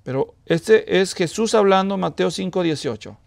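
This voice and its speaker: A pastor preaching a sermon, putting questions to the congregation. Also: male voice, high-pitched, animated, normal speed, vocal fry, dry recording. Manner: conversational teaching with questions to the congregation.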